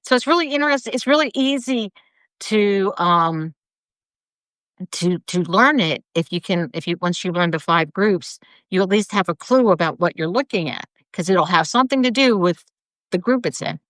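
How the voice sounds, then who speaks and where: A woman in casual chat, explaining slowly with many restarts and fillers. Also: mid-range voice, lively intonation, a bit bright, no echo. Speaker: co-host.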